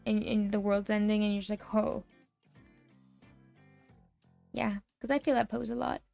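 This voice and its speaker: A young American woman streaming a casual chat, telling stories in a lively way, laughing often and swearing freely. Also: medium pitch, fast, creaky, soft background music. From United States.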